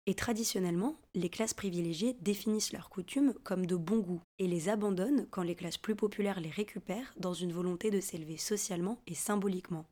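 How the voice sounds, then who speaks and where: A woman hosting a podcast, reading a scripted narration in a clear, essay-like way. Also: fairly low pitch, fairly quick, hardly any pauses, warm tone. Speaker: podcast host.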